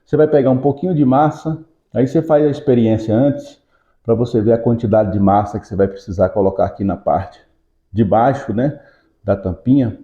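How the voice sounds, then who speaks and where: A man's voice: a little fast, warm tone, echoey room, dull audio. A man, a pastor, teaching a Sunday school lesson with a hands-on demonstration, explaining step by step and checking in with his listeners. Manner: raises pitch in rhythmic command when casting out.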